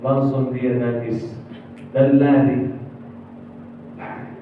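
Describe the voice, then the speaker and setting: A man's voice: medium pitch, a little hiss or hum. Man preaching in an echoey mosque. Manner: animated, acts out dialogue, drawn-out chanted phrases. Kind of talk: sermon storytelling. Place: mosque hall. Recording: distant, phone-like, very echoey hall.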